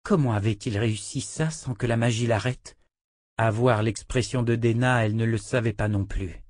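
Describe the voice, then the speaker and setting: A man reads an audiobook in a steady, measured way at a middling male pitch. The recording is close and dry, with no room sound. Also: no room sound. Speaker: narrator. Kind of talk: audiobook narration.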